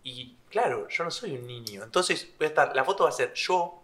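A young man with an Argentine accent, co-hosting a casual podcast chat, animated and laughing through slangy banter. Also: medium pitch, normal speed. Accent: Argentine Spanish. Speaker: podcast co-host. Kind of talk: casual chat among friends.

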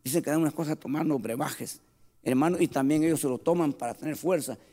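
A man preaching a sermon with passion, shouting at the peaks and dropping to quiet storytelling, often calling the listeners "brother". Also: a little high, quick pace, long reverb tail. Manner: addresses listeners as "hermano" often. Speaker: pastor.

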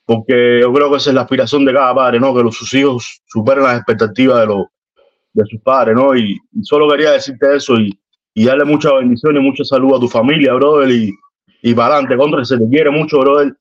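A man with a Cuban accent speaking earnestly and warmly in a casual chat, often ending lines with a questioning tag. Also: medium pitch, fairly even intonation, fairly quick. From Cuba. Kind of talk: casual heartfelt conversation. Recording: dull lo-fi line.

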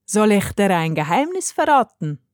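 A woman voicing a kindly old grandfather who speaks calmly and soothingly, in a storybook reading. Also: mid-range voice, unhurried, no echo, clean studio sound. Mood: gentle. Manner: calm, soothing, relishing.

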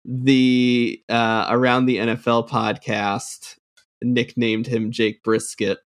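Slow, hesitant man chatting football. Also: mid-range voice, level tone. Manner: hesitant, many fillers and restarts, laughs at own jokes. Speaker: podcast co-host. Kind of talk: casual sports chat.

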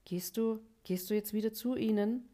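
A woman's voice: on the high side, fairly even intonation, moderate pace, mellow, voice pushed up, lightly acted. A woman voicing an anxious young male animal cub in a storybook reading, eager and stammering. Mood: timid.

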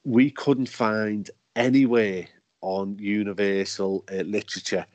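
A man's voice: fairly low pitch, fairly even intonation, unhurried, darkish tone, dry recording. A man hosting a podcast, chatty and joking, laughing often as he talks. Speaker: podcast host. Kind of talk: casual chat.

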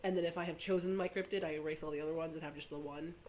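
Female podcast co-host, hoarse and congested, giggly rambling banter, slightly noisy home recording. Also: deep voice, fairly even intonation, racing, a little mellow. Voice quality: hoarse, congested smoker-like rasp. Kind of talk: casual chatty banter.

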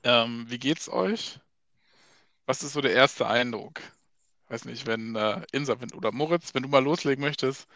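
Podcast host, young man, gravelly edge, dry close sound, easygoing questions. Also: mid-range voice, moderate pace, dry recording. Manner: relaxed, filler-heavy questions. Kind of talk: casual podcast chat.

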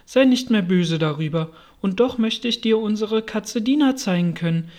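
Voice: mid-range voice, lively intonation, normal speed, darkish tone, natural voice. A reader voicing a polite, well-meaning young girl in a storybook reading, with an eager, apologetic, chattering manner.

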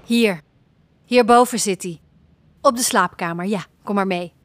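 A woman's voice: mid-range voice, unhurried, slight background noise, close to an everyday voice. A woman doing a caring, practical mother.

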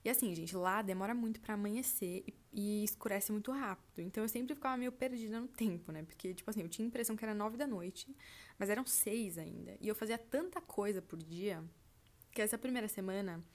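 This Brazilian podcaster, turning 20, speaks a little fast in a medium-pitched voice as she casually tells listeners about her trip. Her chat is loaded with fillers like "tipo assim," and she calls the audience "gente."

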